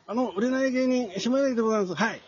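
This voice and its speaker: A man's voice: very high voice, very fast, husky, dull audio. A man playing a frantic, flustered typhoon reporter in a comedy skit, delivering a breathless live report and repeating himself. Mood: earnest, flustered.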